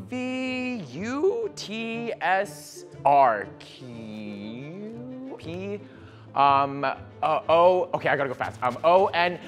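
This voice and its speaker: Flustered, animated young man. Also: on the high side. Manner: dramatic and flustered, gasping. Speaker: contestant. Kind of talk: casual game-show banter.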